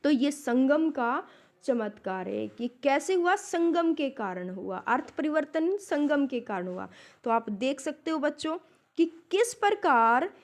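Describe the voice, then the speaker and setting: A woman teaching a class in a high voice. She speaks slowly and deliberately, pausing to pose rhetorical questions before answering them. Her pace is measured throughout the explanation. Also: very animated. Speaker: Hindi literature lecturer. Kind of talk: classroom lecture.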